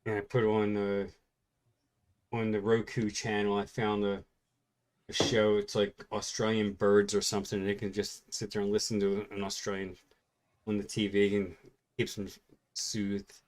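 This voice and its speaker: A tired man chatting casually and at a relaxed pace as a co-host, rambling with fillers. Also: lowish voice, normal speed. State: tired, yawning. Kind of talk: casual late-night chat.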